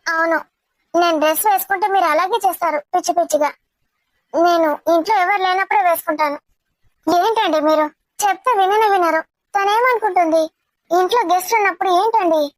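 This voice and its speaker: A woman playing a very high, scolding housewife. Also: brisk, no echo. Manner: scolding, firm. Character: stern housewife scolding her playful husband.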